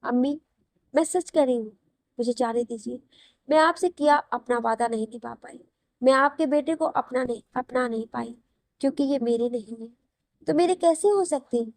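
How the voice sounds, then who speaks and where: A woman's voice: sits high, normal speed, dry recording, studio quality. A woman voicing a desperate young wife who pleads through tears in a read-aloud audio story. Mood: pleading, tearful. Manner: pleading and crying.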